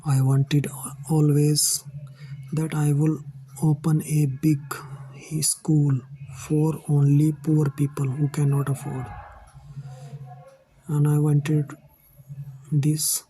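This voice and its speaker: A man from India with an Indian English accent, telling his own life story to his viewers in a halting, earnest way. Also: fairly high pitch, completely flat delivery, dark tone, breathy edge, rough recording. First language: Hindi. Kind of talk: personal storytelling to camera.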